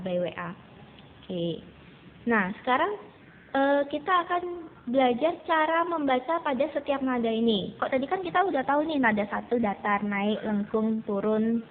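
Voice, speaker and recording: Woman teacher on a tinny recording. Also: fairly high pitch. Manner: patient, repeats drills slowly for students. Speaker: Mandarin teacher. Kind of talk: recorded classroom lesson. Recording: tinny phone-like recording with faint noise.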